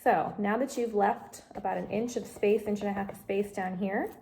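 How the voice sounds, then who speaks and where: A woman's voice: medium pitch, steady tone, normal speed, creaky, mellow, a little hiss or hum. A woman teaching a home craft tutorial on a phone camera, explaining each step patiently and coaching a child beside her. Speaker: craft instructor.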